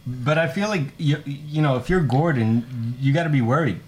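A man co-hosting a podcast, talking in a casual, animated and opinionated way, swearing now and then. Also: mid-range voice, moderate pace. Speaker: podcast co-host. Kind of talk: casual film discussion.

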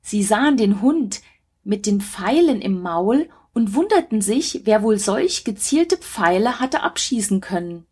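A woman reading a mythological story aloud in a measured, dramatic narration. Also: mid-range voice, lively intonation, a little mellow, husky.

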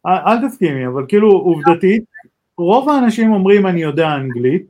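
A man with an Israeli accent chatting casually as a podcast co-host, halting and often restarting his sentences. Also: high voice, very animated, dark tone, dull audio. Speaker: talk co-host, tech entrepreneur.

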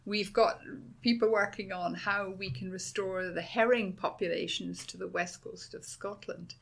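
A woman's voice: medium pitch, steady tone, normal speed, creaky. A middle-aged woman with a Dublin Irish accent, a university principal answering interview questions with enthusiasm and many restarts. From Ireland.

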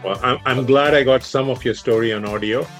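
A man hosting a podcast interview, enthusiastic and quick to repeat praise. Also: medium pitch, fairly bright tone, soft background music. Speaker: podcast host.

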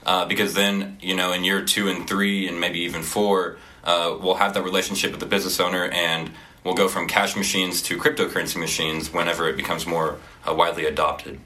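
Young Oklahoma man, student entrepreneur, deep and bright voice, easygoing explainer. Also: fairly quick. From Oklahoma, USA. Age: young adult. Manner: relaxed, explanatory, with fillers. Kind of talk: casual interview answers.

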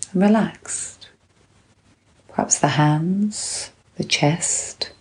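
A woman instructor calmly and gently guiding a grounding exercise, unhurried, with long pauses between phrases. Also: on the low side. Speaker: guided relaxation instructor. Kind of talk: calm guided grounding exercise.

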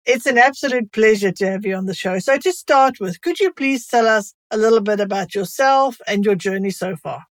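A woman's voice: medium pitch, expressive, a little fast, few pauses, dry recording. A woman hosting a podcast, reading a polished introduction and asking formal interview questions. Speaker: podcast host.

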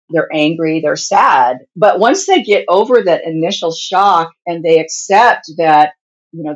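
Husky woman, plain spoken nurse explaining stuff in an interview, bit lo-fi sound. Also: lowish voice. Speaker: hospice nurse guest. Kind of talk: conversational interview answers.

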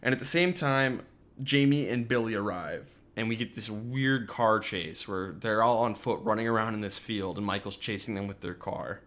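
A man's voice: on the low side, moderate pace, fairly bright tone. A man co-hosting a podcast, casually recapping a horror film with wry asides. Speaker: podcast co-host. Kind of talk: casual chat.

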